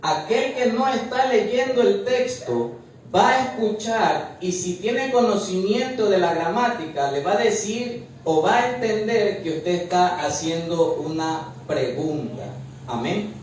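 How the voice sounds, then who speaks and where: A man's voice: high-pitched, expressive, a little slow, a little mellow, slight background noise. A male preacher teaching a Bible study, explaining patiently and often ending his points with "amén". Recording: very echoey room, far from mic.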